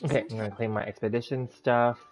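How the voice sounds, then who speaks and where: A man's voice: mid-range voice, fairly even intonation, fast, darkish tone. A man chatting casually as he hosts a gameplay livestream, rambling through each step, with a slight lisp as if he just bit his tongue. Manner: rambling step-by-step self-narration. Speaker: live-streaming game host. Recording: dull, lo-fi sound, background music. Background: music.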